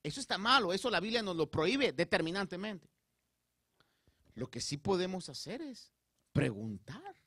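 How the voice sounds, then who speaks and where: A man's voice: on the high side, dry recording, studio quality. A male pastor preaching a sermon, talking straight to his congregation and checking in with them often. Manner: addresses the congregation directly with frequent check-ins; animated, preacherly delivery with rising emphasis. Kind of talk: Spanish-language sermon.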